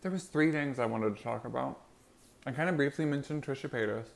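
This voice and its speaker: A man's voice: medium pitch, a little fast, vocal fry. Man chatting casually while chewing. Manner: rambling, loosely strung thoughts. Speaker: mukbang host. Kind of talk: casual eating-show chat to viewers.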